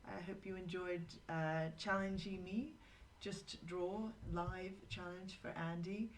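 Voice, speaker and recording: A woman's voice: lowish voice, steady tone, slow, slight background noise, low-quality recording. A woman hosting a live drawing show, chatting to viewers and telling rambling anecdotes as she draws. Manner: rambling, anecdotal, talks to viewers while working. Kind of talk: chatty live-stream narration while drawing.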